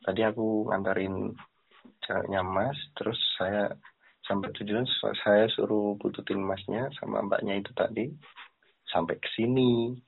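A man's voice: lowish voice, steady tone, measured pace, gravelly, breathy edge. A man chatting on the phone as a caller, telling a story and acting out the voices of the people in it. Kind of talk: casual storytelling over the phone. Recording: tinny phone line.

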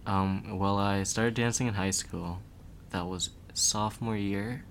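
A young man talks in a low voice, loose and rambling, his sentences full of "like" and "um." Faint hiss sits under the recording. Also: unhurried, creaky. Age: young adult. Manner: relaxed, rambling, full of filler words. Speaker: guest. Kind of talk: casual podcast chat.

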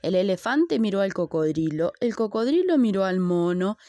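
A woman's voice: medium pitch, expressive, moderate pace. A woman reading a children's story aloud with rhythmic repeated refrains.

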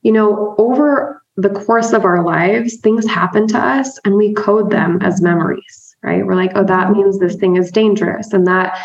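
With hardly any pauses, a therapist and trainer talks at normal speed in a mid-range voice as a guest in a casual explanatory interview. She stays upbeat and conversational, laughs a lot and keeps asking "right?", all on roomy, slightly dull remote audio.

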